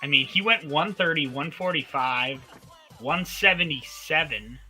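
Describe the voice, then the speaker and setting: A man's voice: on the high side, a little slow, sharp tone, faint music behind. A man co-hosting a casual chat whose voice comes through with a tinny, metallic sound from the wrong microphone.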